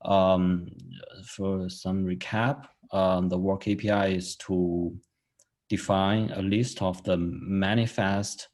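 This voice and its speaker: Slow, deep man presenting over a video call. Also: little pitch movement, darkish tone. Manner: hesitant, with frequent ums and uhs. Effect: heard over a video call. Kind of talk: technical presentation in a meeting.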